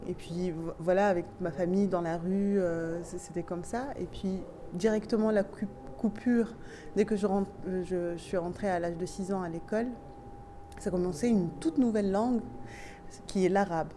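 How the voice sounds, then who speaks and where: With a fairly low, mellow, slightly nasal voice and fairly even intonation, a woman from Tunisia, a native Tunisian Arabic speaker, answers interview questions in lightly accented French. Her replies are reflective and hesitant, marked by many pauses and restarts, over a little hiss or hum.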